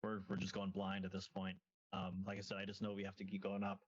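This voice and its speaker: A wary, seasoned female salvage diver who has seen it all, explaining the deep in a flat, matter-of-fact way, as a man puts her on in his own fairly low voice. The recording is dull and lo-fi, like an online call. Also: quick pace, breathy edge.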